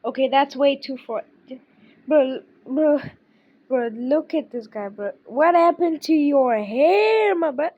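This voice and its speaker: A woman's voice: high-pitched, expressive, slow pace. A woman hosting a reaction video, talking casually in slang and interrupting the clip she watches, on a dull lo-fi mic.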